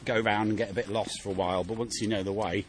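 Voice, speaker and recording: A man's voice: fairly low pitch, fairly even intonation. Hesitant man talking outdoors. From England. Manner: hesitant, halting restarts. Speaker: walk participant. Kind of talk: casual conversation while walking. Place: outdoors on a city walk. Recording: outdoor street noise.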